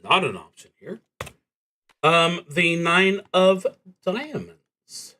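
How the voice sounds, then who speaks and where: A high-voiced man with a sharp tone reads prompts from a solo tabletop roleplaying game and thinks aloud. He sounds very animated, though his musing is hesitant and broken by long, thoughtful pauses.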